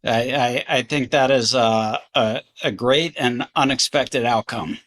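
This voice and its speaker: A man's voice: medium pitch, measured pace, a bit bright. A man hosting a podcast interview, asking questions and offering encouraging comments. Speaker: podcast host. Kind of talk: casual interview chat.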